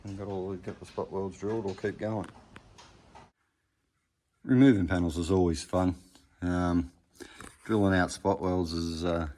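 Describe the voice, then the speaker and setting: A hobby car restorer with a deep, warm voice and a broad Australian accent presents progress videos in a casual workshop vlog, his commentary laconic, slangy and off the cuff.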